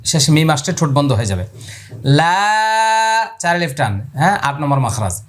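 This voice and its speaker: A man's voice: medium pitch, animated, fast talker, husky. A man teaching Quran pronunciation, repeating letter sounds aloud and asking viewers to watch his mouth. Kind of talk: spoken lesson on letter pronunciation.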